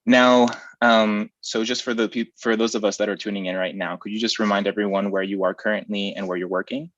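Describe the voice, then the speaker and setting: Deep-voiced young man hosting a live stream. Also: fairly even intonation, brisk, a bit bright, dry recording, dull audio. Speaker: host.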